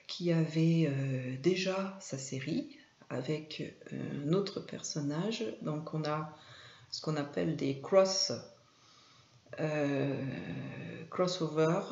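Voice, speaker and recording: Low-pitched lady talking to camera, lots of ums, kinda echoey room, muffled audio. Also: vocal fry. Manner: hesitant, many filler sounds. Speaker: video host and image consultant. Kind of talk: informal talk to camera.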